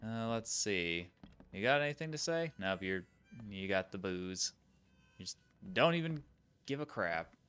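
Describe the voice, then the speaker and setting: Lowish-voiced man giving game commentary. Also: very animated, measured pace, fairly bright tone, soft background music. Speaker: video game player commentating. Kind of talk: casual let's-play commentary.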